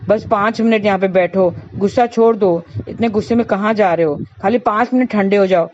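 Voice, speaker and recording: A woman voicing a calm, patient holy man who coaxes gently, in a slightly dull recording. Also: mid-range voice, a little fast, a little hiss or hum, natural voice. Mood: coaxing. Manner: soothing, coaxing.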